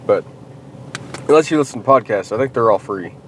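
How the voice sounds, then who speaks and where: A man's voice: medium pitch, expressive, a little fast, slight background noise, low-quality recording. A man co-hosting a casual podcast, reading news headlines aloud and laughing often. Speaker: podcast co-host. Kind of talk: casual chat.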